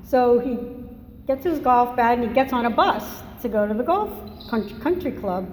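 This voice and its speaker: An older woman with a Massachusetts accent, from Massachusetts, shares her story at a recovery meeting in a meeting hall, where the room echoes and there's faint noise. Her voice is on the high side and a little mellow, lively in intonation at a normal speed, and her rambling testimony is candid and self-mocking.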